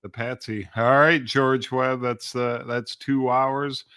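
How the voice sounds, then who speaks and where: A man's voice: mid-range voice, level tone, slow, pushed and bright, clear, resonant tone, dry recording. A man hosting a talk show in a casual, hesitant way, often chuckling. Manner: hesitant, many fillers, chuckles. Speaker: show host.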